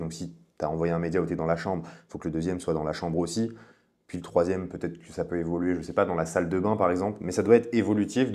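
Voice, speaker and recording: A man's voice: sits low, mellow. A man giving a casual, chatty tutorial as a coach, speaking directly to the viewer. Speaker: online business coach.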